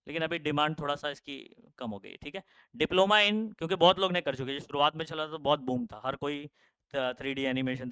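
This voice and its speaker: Fairly high in pitch and a touch bright, a young man's clear, resonant voice comes through on a dry recording. He's a teacher giving a casual career-options talk to a class, full of fillers and frequent check-in questions.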